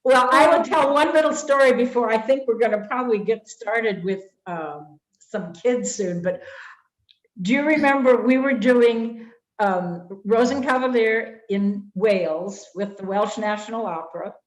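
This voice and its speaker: A woman's voice: fairly high pitch, measured pace, roomy sound, poor audio. An older woman hosting a conversational interview, chatty and reminiscing with frequent fillers. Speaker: host and voice teacher.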